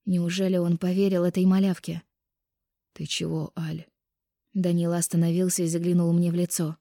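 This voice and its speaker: A woman reading a first-person romance audiobook in an expressive, intimate way on a close microphone. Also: fairly low pitch, fast talker, no echo. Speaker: audiobook narrator.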